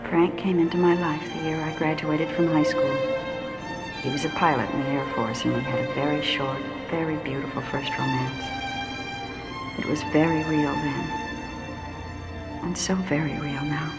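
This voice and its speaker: An actress playing a middle-aged daughter home for Christmas, speaking with bright affection. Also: female voice, low voice, fairly even intonation, moderate pace, long pauses. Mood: wistful. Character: warm, eager grown daughter in love with a pilot. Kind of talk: 1970s TV movie acting. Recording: film soundtrack with music under dialogue.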